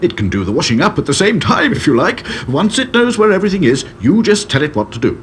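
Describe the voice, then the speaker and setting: A giddy, boastful old inventor as a man acts him out in a children's storybook. The voice sits high and bubbles with excitement, swooping all over the place. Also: quick pace, a little hiss or hum. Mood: bubbly. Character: eager, boastful eccentric old male inventor.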